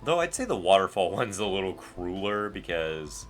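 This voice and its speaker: Animated, rambling man commenting on gameplay. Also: sits low, normal speed. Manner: animated, rambling, sarcastic asides. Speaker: let's play host. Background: faint game music.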